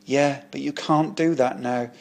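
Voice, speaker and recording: A man voicing Martin, a blunt, deadpan unemployed Englishman who sells tat online, in a comic audio story. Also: medium pitch, a little slow, creaky.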